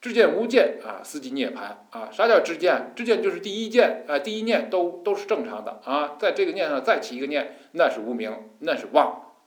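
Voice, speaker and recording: A man giving a colloquial sermon that explains scripture, animated and folksy, with hushed asides and mock voices. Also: on the high side, a little fast, reverberant. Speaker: Buddhist teacher.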